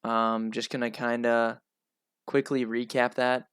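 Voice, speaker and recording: A male host with a nasal voice, talking through a casual solo analysis show in a chatty, relaxed way. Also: medium pitch, unhurried, clear, resonant tone, no room sound.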